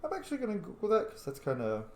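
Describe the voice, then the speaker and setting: A let's play host with a high voice races through casual gameplay commentary, his pitch swinging hugely as he thinks aloud and mutters to himself. The recording has a roomy echo and faint background noise.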